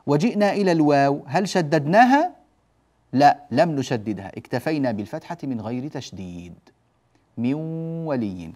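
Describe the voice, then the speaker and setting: A man's voice: mid-range voice, a little mellow. Patient man teaching Quran recitation. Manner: explains step by step and often asks the class "جيد؟"; stretches out example words slowly. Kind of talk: classroom lesson on tajweed rules.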